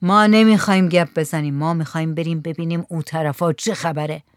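A woman's voice: low voice, steady tone, smooth, no echo, clean studio sound, voice pushed down, close to an everyday voice. A woman voicing a curt, blunt young village man in a storybook reading.

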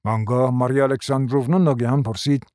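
A man giving measured, literary narration for a radio drama. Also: mid-range voice, steady tone, darkish tone, no echo, clean studio sound. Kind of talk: scripted narration.

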